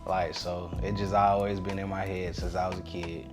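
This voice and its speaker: Young man, interview guest, relaxed slang, music behind. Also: low-pitched, moderate pace. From Atlanta area. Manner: laid-back, relaxed slang. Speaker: guest, recording artist. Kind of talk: casual interview chat.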